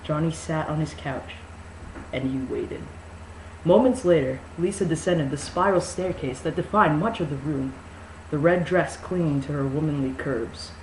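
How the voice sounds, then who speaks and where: A narrator with a medium-pitched voice reads a novel aloud at a moderate pace, hamming it up in a mock-dramatic, amateur style after some casual introductory talk. The recording has an echoey room sound with faint noise.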